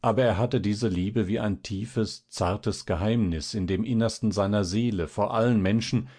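A male audiobook narrator reading classic fiction in a measured, expressive way. His voice sits fairly low.

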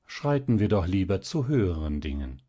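A man reading aloud and voicing a calm, sly old male magician who talks in a measured, gently smiling way. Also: on the low side.

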